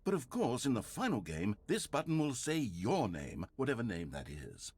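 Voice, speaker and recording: A man voicing a smug, mock-earnest narrator in a video game, with a slightly husky voice. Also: medium pitch, moderate pace, heavily acted. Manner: dry, mock-earnest, swings into exaggerated excitement.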